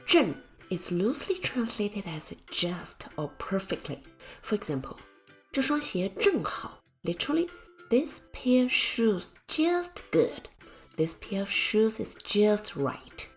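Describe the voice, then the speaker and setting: Slow, gravelly woman teaching a lesson. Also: mid-range voice, big pitch swings. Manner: slow, careful, explains with example sentences. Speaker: Chinese language teacher. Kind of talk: scripted lesson narration. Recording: faint music behind the voice.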